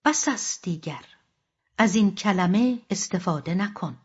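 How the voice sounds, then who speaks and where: A woman's voice: medium pitch, lively intonation, breathy edge. A woman reading the part of a troubled middle-aged husband who pleads in a shaky, tense voice, in a dull lo-fi audiobook recording. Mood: angry.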